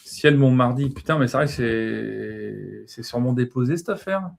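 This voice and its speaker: A man's voice: mid-range voice, normal speed, gravelly. A man co-hosting a card reading livestream, chatting casually, playful and self-mocking, swearing lightly and trailing off with fillers. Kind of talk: casual joking chat.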